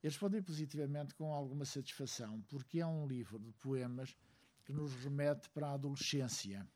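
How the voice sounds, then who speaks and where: A man from Angola speaks to a seated audience in a measured, reflective way, pausing often to find his words. His voice is mellow and dark, and his pitch sits in an ordinary middle range. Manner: reflective, measured, many hesitations. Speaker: speaker at a book launch.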